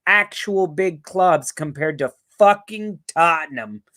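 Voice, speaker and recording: A man's voice: fairly high pitch, expressive, takes it slowly, pushed and bright. A man from the New Orleans area hosting a live football fan show, talking in a rambling, profane, casual way and reading viewer comments aloud. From New Orleans area, United States. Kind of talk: casual live-stream chat.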